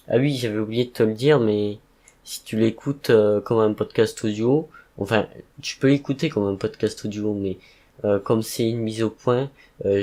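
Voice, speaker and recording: A man with a slightly rusty voice, giving a relaxed, hesitant, rambling monologue in a calm, subdued way. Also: lowish voice. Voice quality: rusty, slightly rough tired voice. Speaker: content creator hosting a podcast-style update. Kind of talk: casual, relaxed evening monologue.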